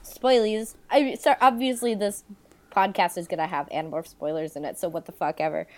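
A young woman co-hosting a podcast in a loose, unhurried way. She hesitates often and drops dry asides as she chats. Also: fairly low pitch, animated. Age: young adult. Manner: laid-back, lots of ums and laughs, dry. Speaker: podcast co-host. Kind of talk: casual chat.

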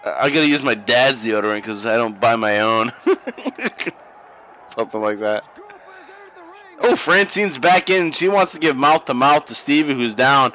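A man's voice: medium pitch, normal speed, pushed and bright, slight background noise, low-quality recording. A young man co-hosting a podcast, watching old wrestling and chatting casually, profane and laughing a lot. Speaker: podcast co-host. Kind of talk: casual watch-along commentary.

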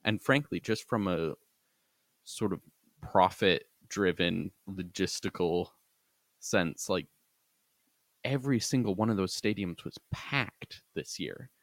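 A man's voice: deep voice, slow pace, dry recording. A man co-hosting a casual sports podcast, earnestly arguing his view at length. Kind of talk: casual rugby talk.

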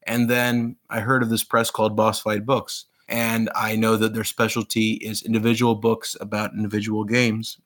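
A man's voice: fairly low pitch, monotone, moderate pace, few pauses, fairly bright tone. A man in his thirties who grew up in Pakistan, an author telling his story eagerly in a casual interview, rambling with fillers and restarts. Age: 30s.

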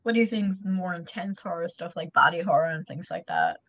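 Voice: mid-range voice, huge pitch swings, a little fast, fairly bright tone, dry recording, dull audio. An interviewer in a casual chat, easygoing, giving brief replies and questions.

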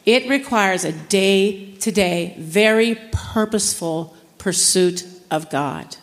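Woman preaching at a conference, earnest and direct, lots of questions at the crowd, mid pitch, big hall echo. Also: lively intonation, takes it slowly. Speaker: conference speaker. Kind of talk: sermon. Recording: long hall reverb.

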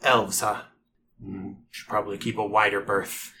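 Gruff orc lookout played by a male game master, guarded and terse, forceful edge, noisy tabletop recording. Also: lowish voice, flat delivery, a little slow, pitched below the performer's own voice. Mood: wary. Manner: guarded, terse, plain-spoken. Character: gruff, wary orc sentry in the woods. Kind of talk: tabletop role-play.

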